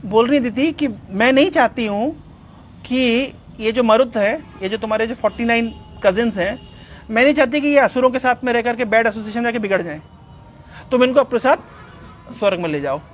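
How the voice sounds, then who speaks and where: A man retelling scripture stories in a devotional talk, lively and conversational, sprinkling English words in. His voice sits very high for a man. A faint hiss runs underneath. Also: a little fast. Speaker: religious speaker.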